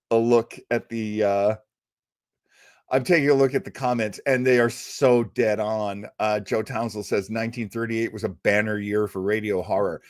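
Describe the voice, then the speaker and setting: This livestream host has a medium-pitched voice, captured in studio quality with no echo. He chats in a casual, rambling, enthusiastic way, performing bits of conversation as he quotes them.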